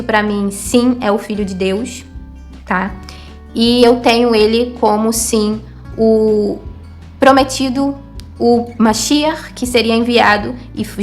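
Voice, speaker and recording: A woman with a Brazilian Portuguese accent and a slightly high voice teaches a recorded lesson. She checks in with listeners and repeats words slowly and clearly, with faint music under her voice. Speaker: Hebrew teacher. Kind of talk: online language lesson.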